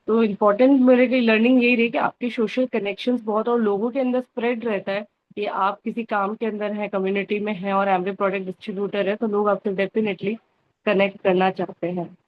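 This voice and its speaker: A woman's voice: mid-range voice, little pitch movement, a little fast. A woman tells a group about her recent experience in a plain, conversational way. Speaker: team member sharing an experience. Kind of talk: sharing at a group meeting. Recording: dull lo-fi audio.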